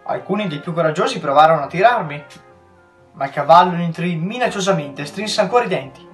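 A teenage boy, a student reader, reading a novel aloud with measured storytelling, in a roomy recording with faint music. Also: on the high side, lively intonation. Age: teens.

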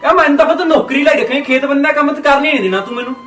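A scornful, stingy farmer scolds in a Punjabi accent, played by a man. His voice sits high for a man. Music plays under the scene. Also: fast, sharp tone. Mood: grumbling. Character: harsh stingy Sikh farmer, middle-aged father. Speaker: well-off farmer, father. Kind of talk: short film acting.

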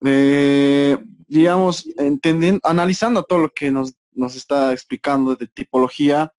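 A man's voice: fairly high pitch, normal speed, darkish tone. A male student with a Bolivian Spanish accent asking a question hesitantly over a video call.

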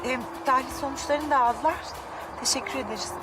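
An actress playing a soft-spoken young wife. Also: female voice, high-pitched, fairly quick, distant mic, over loud music, close to an everyday voice. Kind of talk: TV drama acting. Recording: voice set back from the mic.

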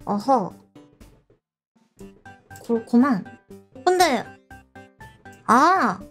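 A woman's voice: a little high, sing-song, drawn-out words, fairly bright tone, soft background music. A woman chatting casually and playfully as she streams a game. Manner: playful, giggly. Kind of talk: casual gameplay chat.

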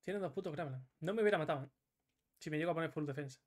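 A man's voice: on the high side, very fast. Man, live game commentary, swears and scolds himself. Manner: swears often and scolds himself, in bursts of frustration. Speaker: streamer.

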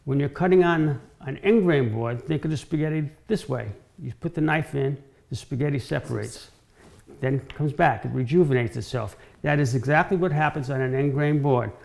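A man in his sixties, a guest woodworker, explains cutting boards in a home-style kitchen indoors. His voice is a little high, gravelly and darkish, at a moderate pace. He talks informally, as in a demonstration, often repeating and restarting his phrases.

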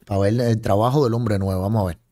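A man's voice: fairly low pitch, steady tone, fast talker. Sarcastic Cuban man streaming commentary. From Cuba. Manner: mocking, sarcastic, scolding. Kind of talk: livestream commentary. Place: home streaming room with colored lights. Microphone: large studio mic on a boom in front of face.

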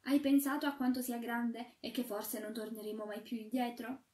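A woman's voice: on the high side, little pitch movement, moderate pace, darkish tone, reverberant, far from the mic, close to an everyday voice. A woman voicing a devoted young porcelain chimney sweep who speaks in an earnest, encouraging way.

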